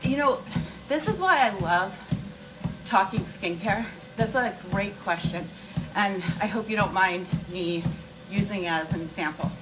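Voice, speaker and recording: This skincare and wellness livestream host has a medium-pitched voice with lively intonation and an unhurried pace. In a casual stream, she responds to viewers' questions with emphatic explanations, restating key points through rhetorical questions. The background is very noisy.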